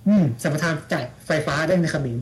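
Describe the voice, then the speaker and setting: A man's voice: fairly high pitch, fast talker, low-quality recording. A man in casual chat, blunt and slangy, with mocking asides.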